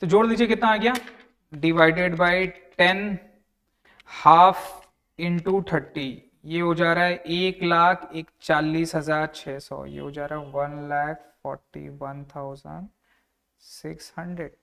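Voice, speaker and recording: A man's voice: a little high, steady tone, slow pace, creaky, fairly bright tone. Mixing young male tutor. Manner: conversational, addresses students as "sir", repeats figures. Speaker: tax tutor. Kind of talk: online lecture, working through a problem.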